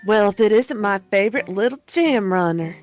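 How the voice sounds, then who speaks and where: A woman's voice: medium pitch, lively intonation, moderate pace, faint music behind, close to an everyday voice. A woman voicing a doting older diner lady in a video game, fussing over people in a motherly, guilt-tripping way. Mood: fussing, affectionate. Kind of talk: reading video game dialogue in character.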